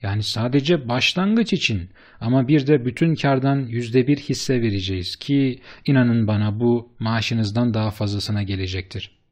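A man voicing an eager, flattering bearded businessman who speaks with emphatic enthusiasm in an audiobook. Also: medium pitch, normal speed, lightly acted. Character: eager, fast-talking bearded businessman, middle-aged man.

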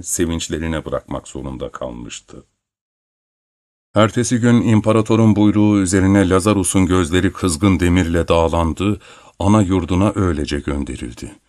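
Deep-voiced male audiobook narrator. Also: darkish tone, dry recording, clean studio sound.

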